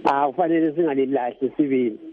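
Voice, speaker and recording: A man's voice: mid-range voice, steady tone, fast talker, a little hiss or hum. A man with a Zimbabwean Ndebele accent, close to Zulu, calling a radio phone-in over a telephone to give his political opinion. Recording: tinny, narrow phone line.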